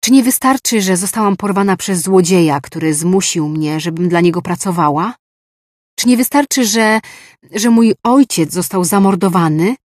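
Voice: mid-range voice, expressive, moderate pace, dry recording, clean studio sound, pitched above the performer's own voice, close to an everyday voice. A narrator voicing a frightened, defiant young woman who pleads in panicked outbursts in an audiobook. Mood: pleading, panicked. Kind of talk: audiobook dialogue.

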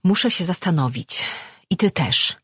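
A woman's voice: fairly low pitch, animated, unhurried, fairly bright tone, husky, no echo, clean studio sound, voice pushed up, exaggerated voice. A narrator voicing a compassionate, practical woman healer in an audiobook reading, speaking firmly. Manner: firm and practical.

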